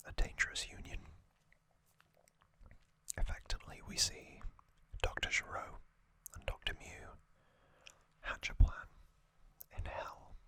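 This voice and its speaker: The host of a whispered trivia channel speaks close to the microphone in a soft, breathy, mostly unvoiced ASMR whisper. She gently recaps in short phrases, letting pauses linger.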